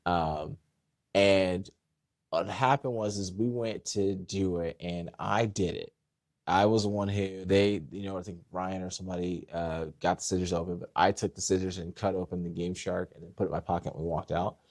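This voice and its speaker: A man with a lowish voice tells a story in casual chat, rambling and restarting as he goes. He turns animated when he slips into other voices. The sound is dry and close. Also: moderate pace, no room sound. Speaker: podcast co-host.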